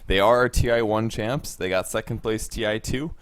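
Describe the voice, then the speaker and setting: A man analyzing esports teams at a broadcast desk in a quick, upbeat way. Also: lowish voice, fairly even intonation, smooth, no echo.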